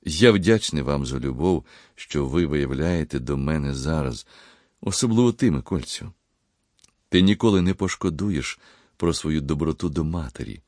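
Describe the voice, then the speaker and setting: A man voicing a gentle, devout young pharmacist who speaks quietly, slowly and sorrowfully. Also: a bass voice, expressive, no room sound, studio quality.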